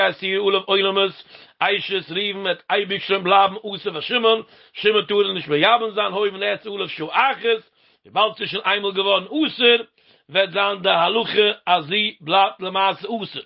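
A man's voice: sits high, normal speed, creaky. A man, explaining a Talmud passage in a sing-song lecture. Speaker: Talmud teacher. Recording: lo-fi dull recording.

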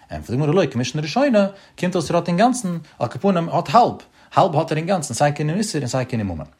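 A man teaching a Talmud study lesson, reasoning through cases in a quick singsong with rising and falling questions. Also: mid-range voice, a little mellow, breathy edge. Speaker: religious text teacher. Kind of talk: rapid Talmud study lecture.

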